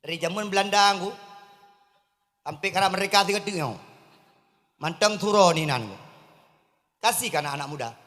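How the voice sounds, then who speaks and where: A man from Aceh preaching a humorous sermon to a crowd in a mosque courtyard, speaking with an Acehnese accent and swinging between low asides and loud emphatic calls. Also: normal speed, long pauses, long reverb tail. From Aceh, Indonesia.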